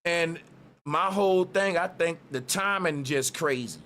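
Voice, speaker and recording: A man's voice: a little high, unhurried, fairly bright tone. A man giving casual, opinionated commentary to his viewers in a slangy, streetwise, conspiratorial exposé manner. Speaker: online commentary host. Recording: noticeable background noise.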